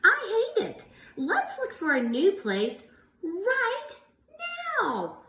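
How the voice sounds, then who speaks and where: Bossy, dissatisfied mother-bird type, female reader, storybook style: high, swooping, emphatic complaints. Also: wildly swooping pitch, very slow, pushed and bright, echoey room, heavily acted. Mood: fed up. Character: fussy, discontented, bossy female bird wife. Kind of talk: storybook read-aloud for young children.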